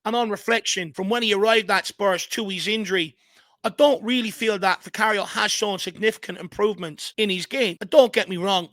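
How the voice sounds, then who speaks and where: Opinionated Irish man, high bright voice. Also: no room sound. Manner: opinionated, analytical. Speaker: fan channel host. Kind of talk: football opinion vlog.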